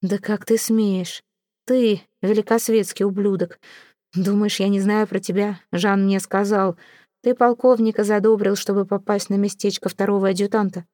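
A woman's voice: mid-range voice, fairly even intonation, warm tone, dry recording, studio quality, lightly acted. Woman reading as a drunk, brawling lieutenant. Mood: furious. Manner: slow, taunting, contemptuous. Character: drunk belligerent male army lieutenant. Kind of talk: audiobook character reading.

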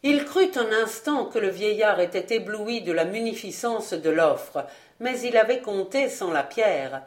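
Woman reading an old novel aloud, calm and measured, mid pitch. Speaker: audiobook reader. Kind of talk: scripted narration.

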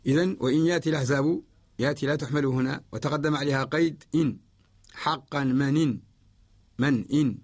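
A man teaches a radio lesson on how the Quran is spelled. His voice sits a little higher than most men's, and he moves steadily from patient explanation to chanted verse. The sound is close and studio-miked. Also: quick pace, husky. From Mauritania. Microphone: studio radio microphone.

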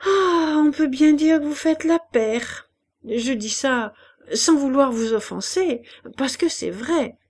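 A woman reading aloud and voicing a poor, bedridden old woman who flatters and prays without pause, in a storybook reading. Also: high voice, pitched above the performer's own voice. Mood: wheedling. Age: older. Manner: fawning, pious, chattering.

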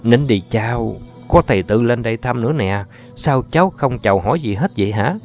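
A man's voice: on the low side, lively intonation, normal speed. A man voicing an eager-to-please, fluttery middle-aged male teacher. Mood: coaxing. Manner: fluttery, overly courteous. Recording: muffled audio with faint music.

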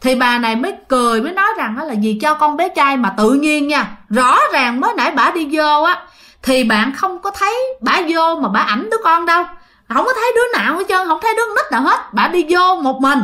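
A woman tells a horror story in a loose, chatty way. Her voice sits a little high, and she keeps turning to speak to her listeners. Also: expressive, fairly quick, pushed and bright. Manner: chatty, addresses listeners directly.

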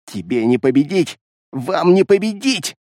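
A man's voice: a little high, very animated, unhurried, darkish tone, no echo, studio quality. A man voicing a terrified, half-mad male beast-man who pleads and babbles frantically, in an audiobook. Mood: fervent.

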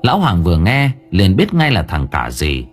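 A man narrating a ghost story in an expressive, dramatic way. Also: deep voice, normal speed, soft background music. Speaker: audiobook narrator.

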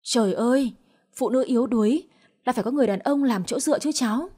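A woman's voice: a little high, fast talker, dark tone, husky. Woman doing a nosy older neighbor lady. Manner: gossiping, prying.

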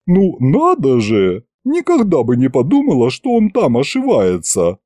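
A man putting on a high, lilting voice for a sly old witch woman in a storybook. She scolds and teases in a folksy way, her pitch swooping up and down, with a warm, soft tone. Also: wildly swooping pitch, unhurried, no echo, clean studio sound, exaggerated voice. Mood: surprised.

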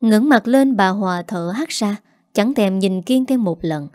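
Woman narrator, first-person story, steady reading, warm dark tone, dry close mic. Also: mid-range voice, unhurried, no echo.

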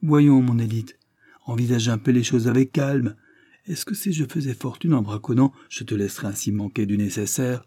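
A man's voice: medium pitch, normal speed, mellow, husky, dry recording, clean studio sound, lightly acted. A man reading an audiobook, voicing an evasive young husband who protests and reassures with forced cheer. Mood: agitated reassuring.

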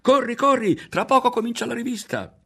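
A man voicing an impulsive, excitable boy who talks in urgent exclamations. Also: mid-range voice, normal speed, pitched above the performer's own voice. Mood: thrilled.

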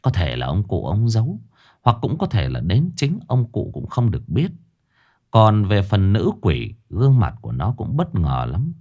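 A man narrating a ghost story in a lively, folksy, expressive way. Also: fairly low pitch, moderate pace.

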